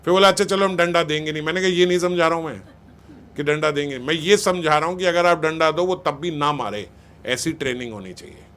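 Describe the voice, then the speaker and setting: A man's voice: a little high, fairly quick, fairly bright tone. Man giving a scolding talk on parenting. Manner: conversational and scolding, quoting parents and teachers. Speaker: spiritual speaker. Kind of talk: spiritual discourse on parenting.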